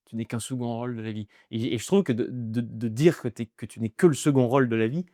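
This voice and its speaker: A young man talks openly in a relaxed interview, often restarting and repeating himself as he searches for words. His voice sits in an ordinary middle pitch, and the recording is dry and close. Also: quick pace, dry recording. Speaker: guest, aspiring comedian. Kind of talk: casual interview chat.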